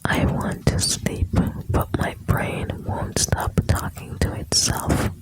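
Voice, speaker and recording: A woman whispers slowly, right up by the ear, in an ASMR style. She is soothing and intimate, reading short lines and adding chatty asides as if to one listener. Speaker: ASMR host reading quotes.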